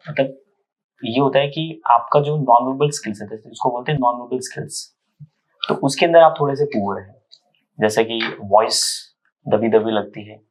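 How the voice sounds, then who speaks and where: A man on a mock interview panel, calmly giving advice to a candidate. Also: medium pitch, low-quality recording. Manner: calm, measured advice.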